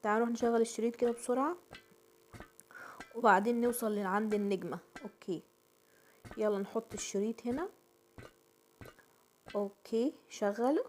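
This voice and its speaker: A woman with an Egyptian accent giving let's-play commentary on a horror game. She shrieks, repeats words in rapid bursts and is out of breath. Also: fairly high pitch, faint music behind. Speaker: gaming channel host.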